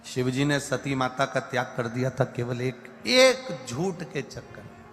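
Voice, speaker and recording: A man's voice: mid-range voice, expressive, a little slow, fairly bright tone. A man preaching a devotional sermon, stressing his points through lists and repetition, and now and then singing verses over music. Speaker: religious storyteller. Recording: music bed in a reverberant hall.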